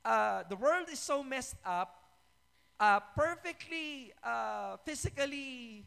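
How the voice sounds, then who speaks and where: A man's voice: extremely high pitch, animated, slow pace, vocal fry, sharp tone, clean tone. A male pastor preaching a sermon, mixing Tagalog and English and often checking in with the congregation. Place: church sanctuary. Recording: reverberant church hall.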